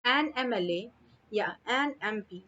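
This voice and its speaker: A woman's voice: medium pitch, animated, pushed and bright. An Indian woman delivers a classroom-style grammar lesson in a mid-range voice. She draws out her examples and says them again and again, stopping often to check that her listeners follow. The sound is a little muffled and lo-fi. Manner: repeats examples slowly, checks in with frequent "ठीक है". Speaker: English grammar teacher.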